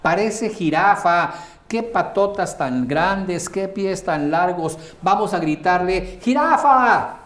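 A man's voice: high voice, expressive, slow, fairly bright tone, reverberant, voice pushed up, heavily acted. A man voicing a mocking young man who jeers at a tall, thin girl. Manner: jeering, exaggerated.

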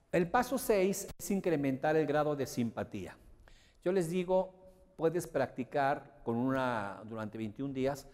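A man leading a motivational seminar, emphatic and often asking his audience whether he is being clear. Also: a little high, darkish tone. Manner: emphatic, checks understanding with rhetorical questions. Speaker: motivational course instructor. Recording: long hall reverb.

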